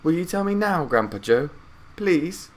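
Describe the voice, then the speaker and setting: Little boy, man reader acting: curious, well-mannered, higher register, lively questioning lilt, children's storybook. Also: a little slow. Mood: earnest. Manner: earnest, questioning.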